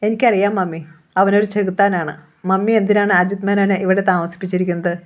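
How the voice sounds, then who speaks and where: A woman's voice: mid-range voice, fairly even intonation, a little fast, close to an everyday voice. A woman voicing a defiant, angry young heiress who accuses and demands answers.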